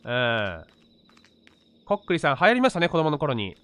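A man's voice: fairly high pitch, sing-song, normal speed, fairly bright tone, clear, resonant tone. A man casually commentating a horror game, talking to himself and reading screen text aloud. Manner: talks to himself, narrating each step. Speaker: gamer playing a horror game.

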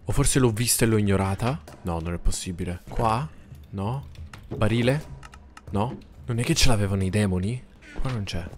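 A man's voice: fairly low pitch, moderate pace. Jumpy Italian-speaking gamer guy. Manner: jumpy, frightened, repeating words in panic; talks to the monsters and viewers. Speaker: gaming YouTuber. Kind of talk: late-night gameplay commentary. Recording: keyboard clicks and background noise.

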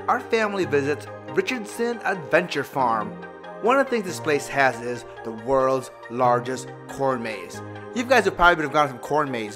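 A man hosting a family travel vlog, talking in an upbeat, chatty way outdoors to a handheld camera. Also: on the high side. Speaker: vlog host. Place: outdoors at a farm.

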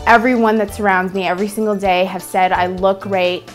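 Female customer, young adult, medium pitch, plain testimonial with soft music behind. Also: flat delivery, fairly quick. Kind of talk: unscripted testimonial. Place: small furnished room indoors.

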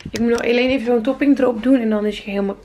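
A woman's voice: a little high, very fast, slight background noise. Chatty young woman in an echoey kitchen. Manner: chatty, animated, addresses viewers as guys. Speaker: vlogger. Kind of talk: casual cooking vlog chat. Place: home kitchen.

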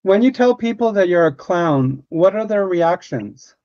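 A man's voice: high-pitched, expressive, unhurried, a little mellow, lo-fi sound. A man from Hungary hosting an interview over a video call, asking brief questions. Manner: brief, asks plain questions. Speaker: interview host. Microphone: video call webcam.

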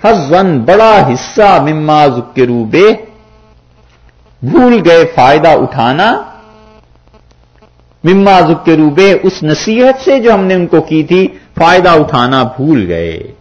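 Male preacher, rhetorical sermon delivery, somewhat high voice, muffled lo-fi recording. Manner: lively, rhetorical, quotes Arabic verses then explains. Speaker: mufti preacher. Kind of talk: sermon explaining Quran verses. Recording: dull lo-fi recording.

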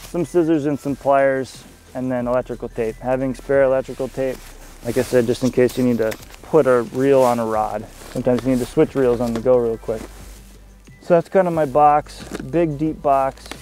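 A young man giving a casual walkthrough of his fishing gear outdoors on a frozen lake, talking in a relaxed, conversational way with frequent fillers. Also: medium pitch, moderate pace, soft background music. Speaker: fishing staff presenter.

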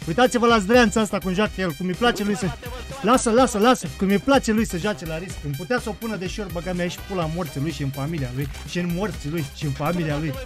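A young man streaming a shooter game, swearing nonstop and yelling at his teammates. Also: high-pitched, soft background music. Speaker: gaming streamer. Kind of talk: casual gameplay commentary.

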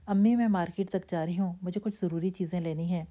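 A woman narrator voicing a young woman who speaks calmly and firmly to her family, on a dull lo-fi recording. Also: on the low side, close to an everyday voice. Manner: calm, firm, then helpless.

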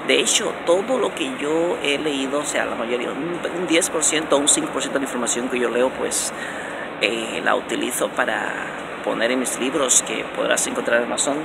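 This casual motivational vlog features a man in his forties speaking a little fast with vocal fry, offering self-help advice with animated emphasis and lots of repetition. He restarts frequently and lifts his pitch to stress words. It was shot on a phone held close at arm's length in an underground station with concrete walls, and the recording is noisy.

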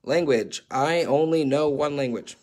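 A young Canadian man runs an online workshop, his voice a little high, a little slow, and slightly mellow. He talks earnestly but hesitantly, filling gaps with lots of filler sounds.

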